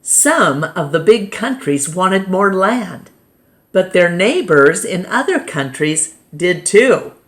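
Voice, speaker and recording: Storytime-teacher style, a deep-voiced American woman reads a nonfiction book for children. Her reading is deliberate, with short phrases set apart by pauses.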